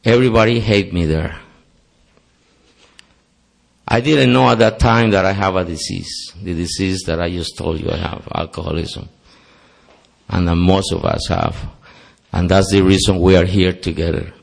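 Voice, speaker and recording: A man's voice: low-pitched, animated, normal speed, vocal fry, pauses often. A man from Costa Rica with a Costa Rican Spanish accent and Spanish as his first language, giving an earnest personal testimony at a recovery meeting with self-deprecating humor. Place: meeting hall.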